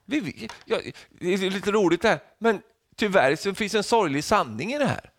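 Joking with his congregation, a preacher gives an energetic sermon, his pitch rising and falling broadly as he tacks questioning tags onto his sentences. Quoting Jesus sends him into loud calls, and the recording is dry and close-miked without any echo.

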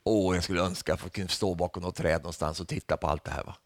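A man preaching a sermon, lively and humorous, often tagging lines with a questioning "va?", and rising to loud calls when he quotes. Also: low voice, no echo, studio quality. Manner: rises to loud calls when quoting Jesus.

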